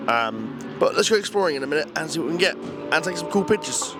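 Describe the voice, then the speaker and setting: A man's voice: on the high side, lively intonation, fast talker, loud music behind the voice. A young man from the UK casually narrating a travel vlog outdoors, chatty and enthusiastic with a slangy way of talking, recorded on a handheld camera. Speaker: vlogger. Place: outdoors in a city and at a racetrack. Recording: outdoor street noise behind.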